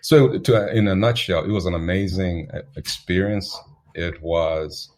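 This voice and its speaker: A man from Zambia, a guest telling stories in a relaxed interview, unhurried and anecdotal, chuckling now and then. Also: sits low. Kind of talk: reflective storytelling in an interview.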